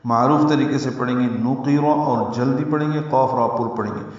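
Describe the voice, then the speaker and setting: A man's voice: mid-range voice, steady tone, a little mellow. Echoey man teaching Quran recitation rules. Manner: explains letter by letter, then chants verses slowly. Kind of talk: tajweed lesson with chanted recitation. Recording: echoey, distant, dull audio.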